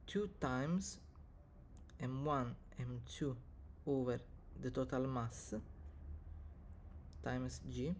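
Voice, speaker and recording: A man who is not a native English speaker teaches physics step by step, dictating equations in short, halting pieces. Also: mid-range voice, a little mellow. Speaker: physics tutor, video presenter. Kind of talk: step-by-step maths lesson, reading out equations.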